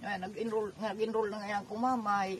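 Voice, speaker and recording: An older woman, a grandmother, tells her family's story in an earnest, tearful way. Her voice sits at a middle pitch, and she often slips into quoting her own past words. A faint noise runs behind her. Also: little pitch movement, fairly quick, rough recording. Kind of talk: emotional personal account.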